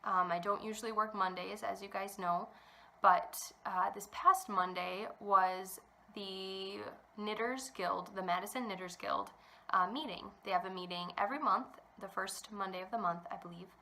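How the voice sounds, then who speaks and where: A young knitting podcast host talks to camera from indoors at home, using a sharp, mid-range voice with fairly even intonation at a normal speed. She's a little congested from a cold, and her chat wanders with frequent ums.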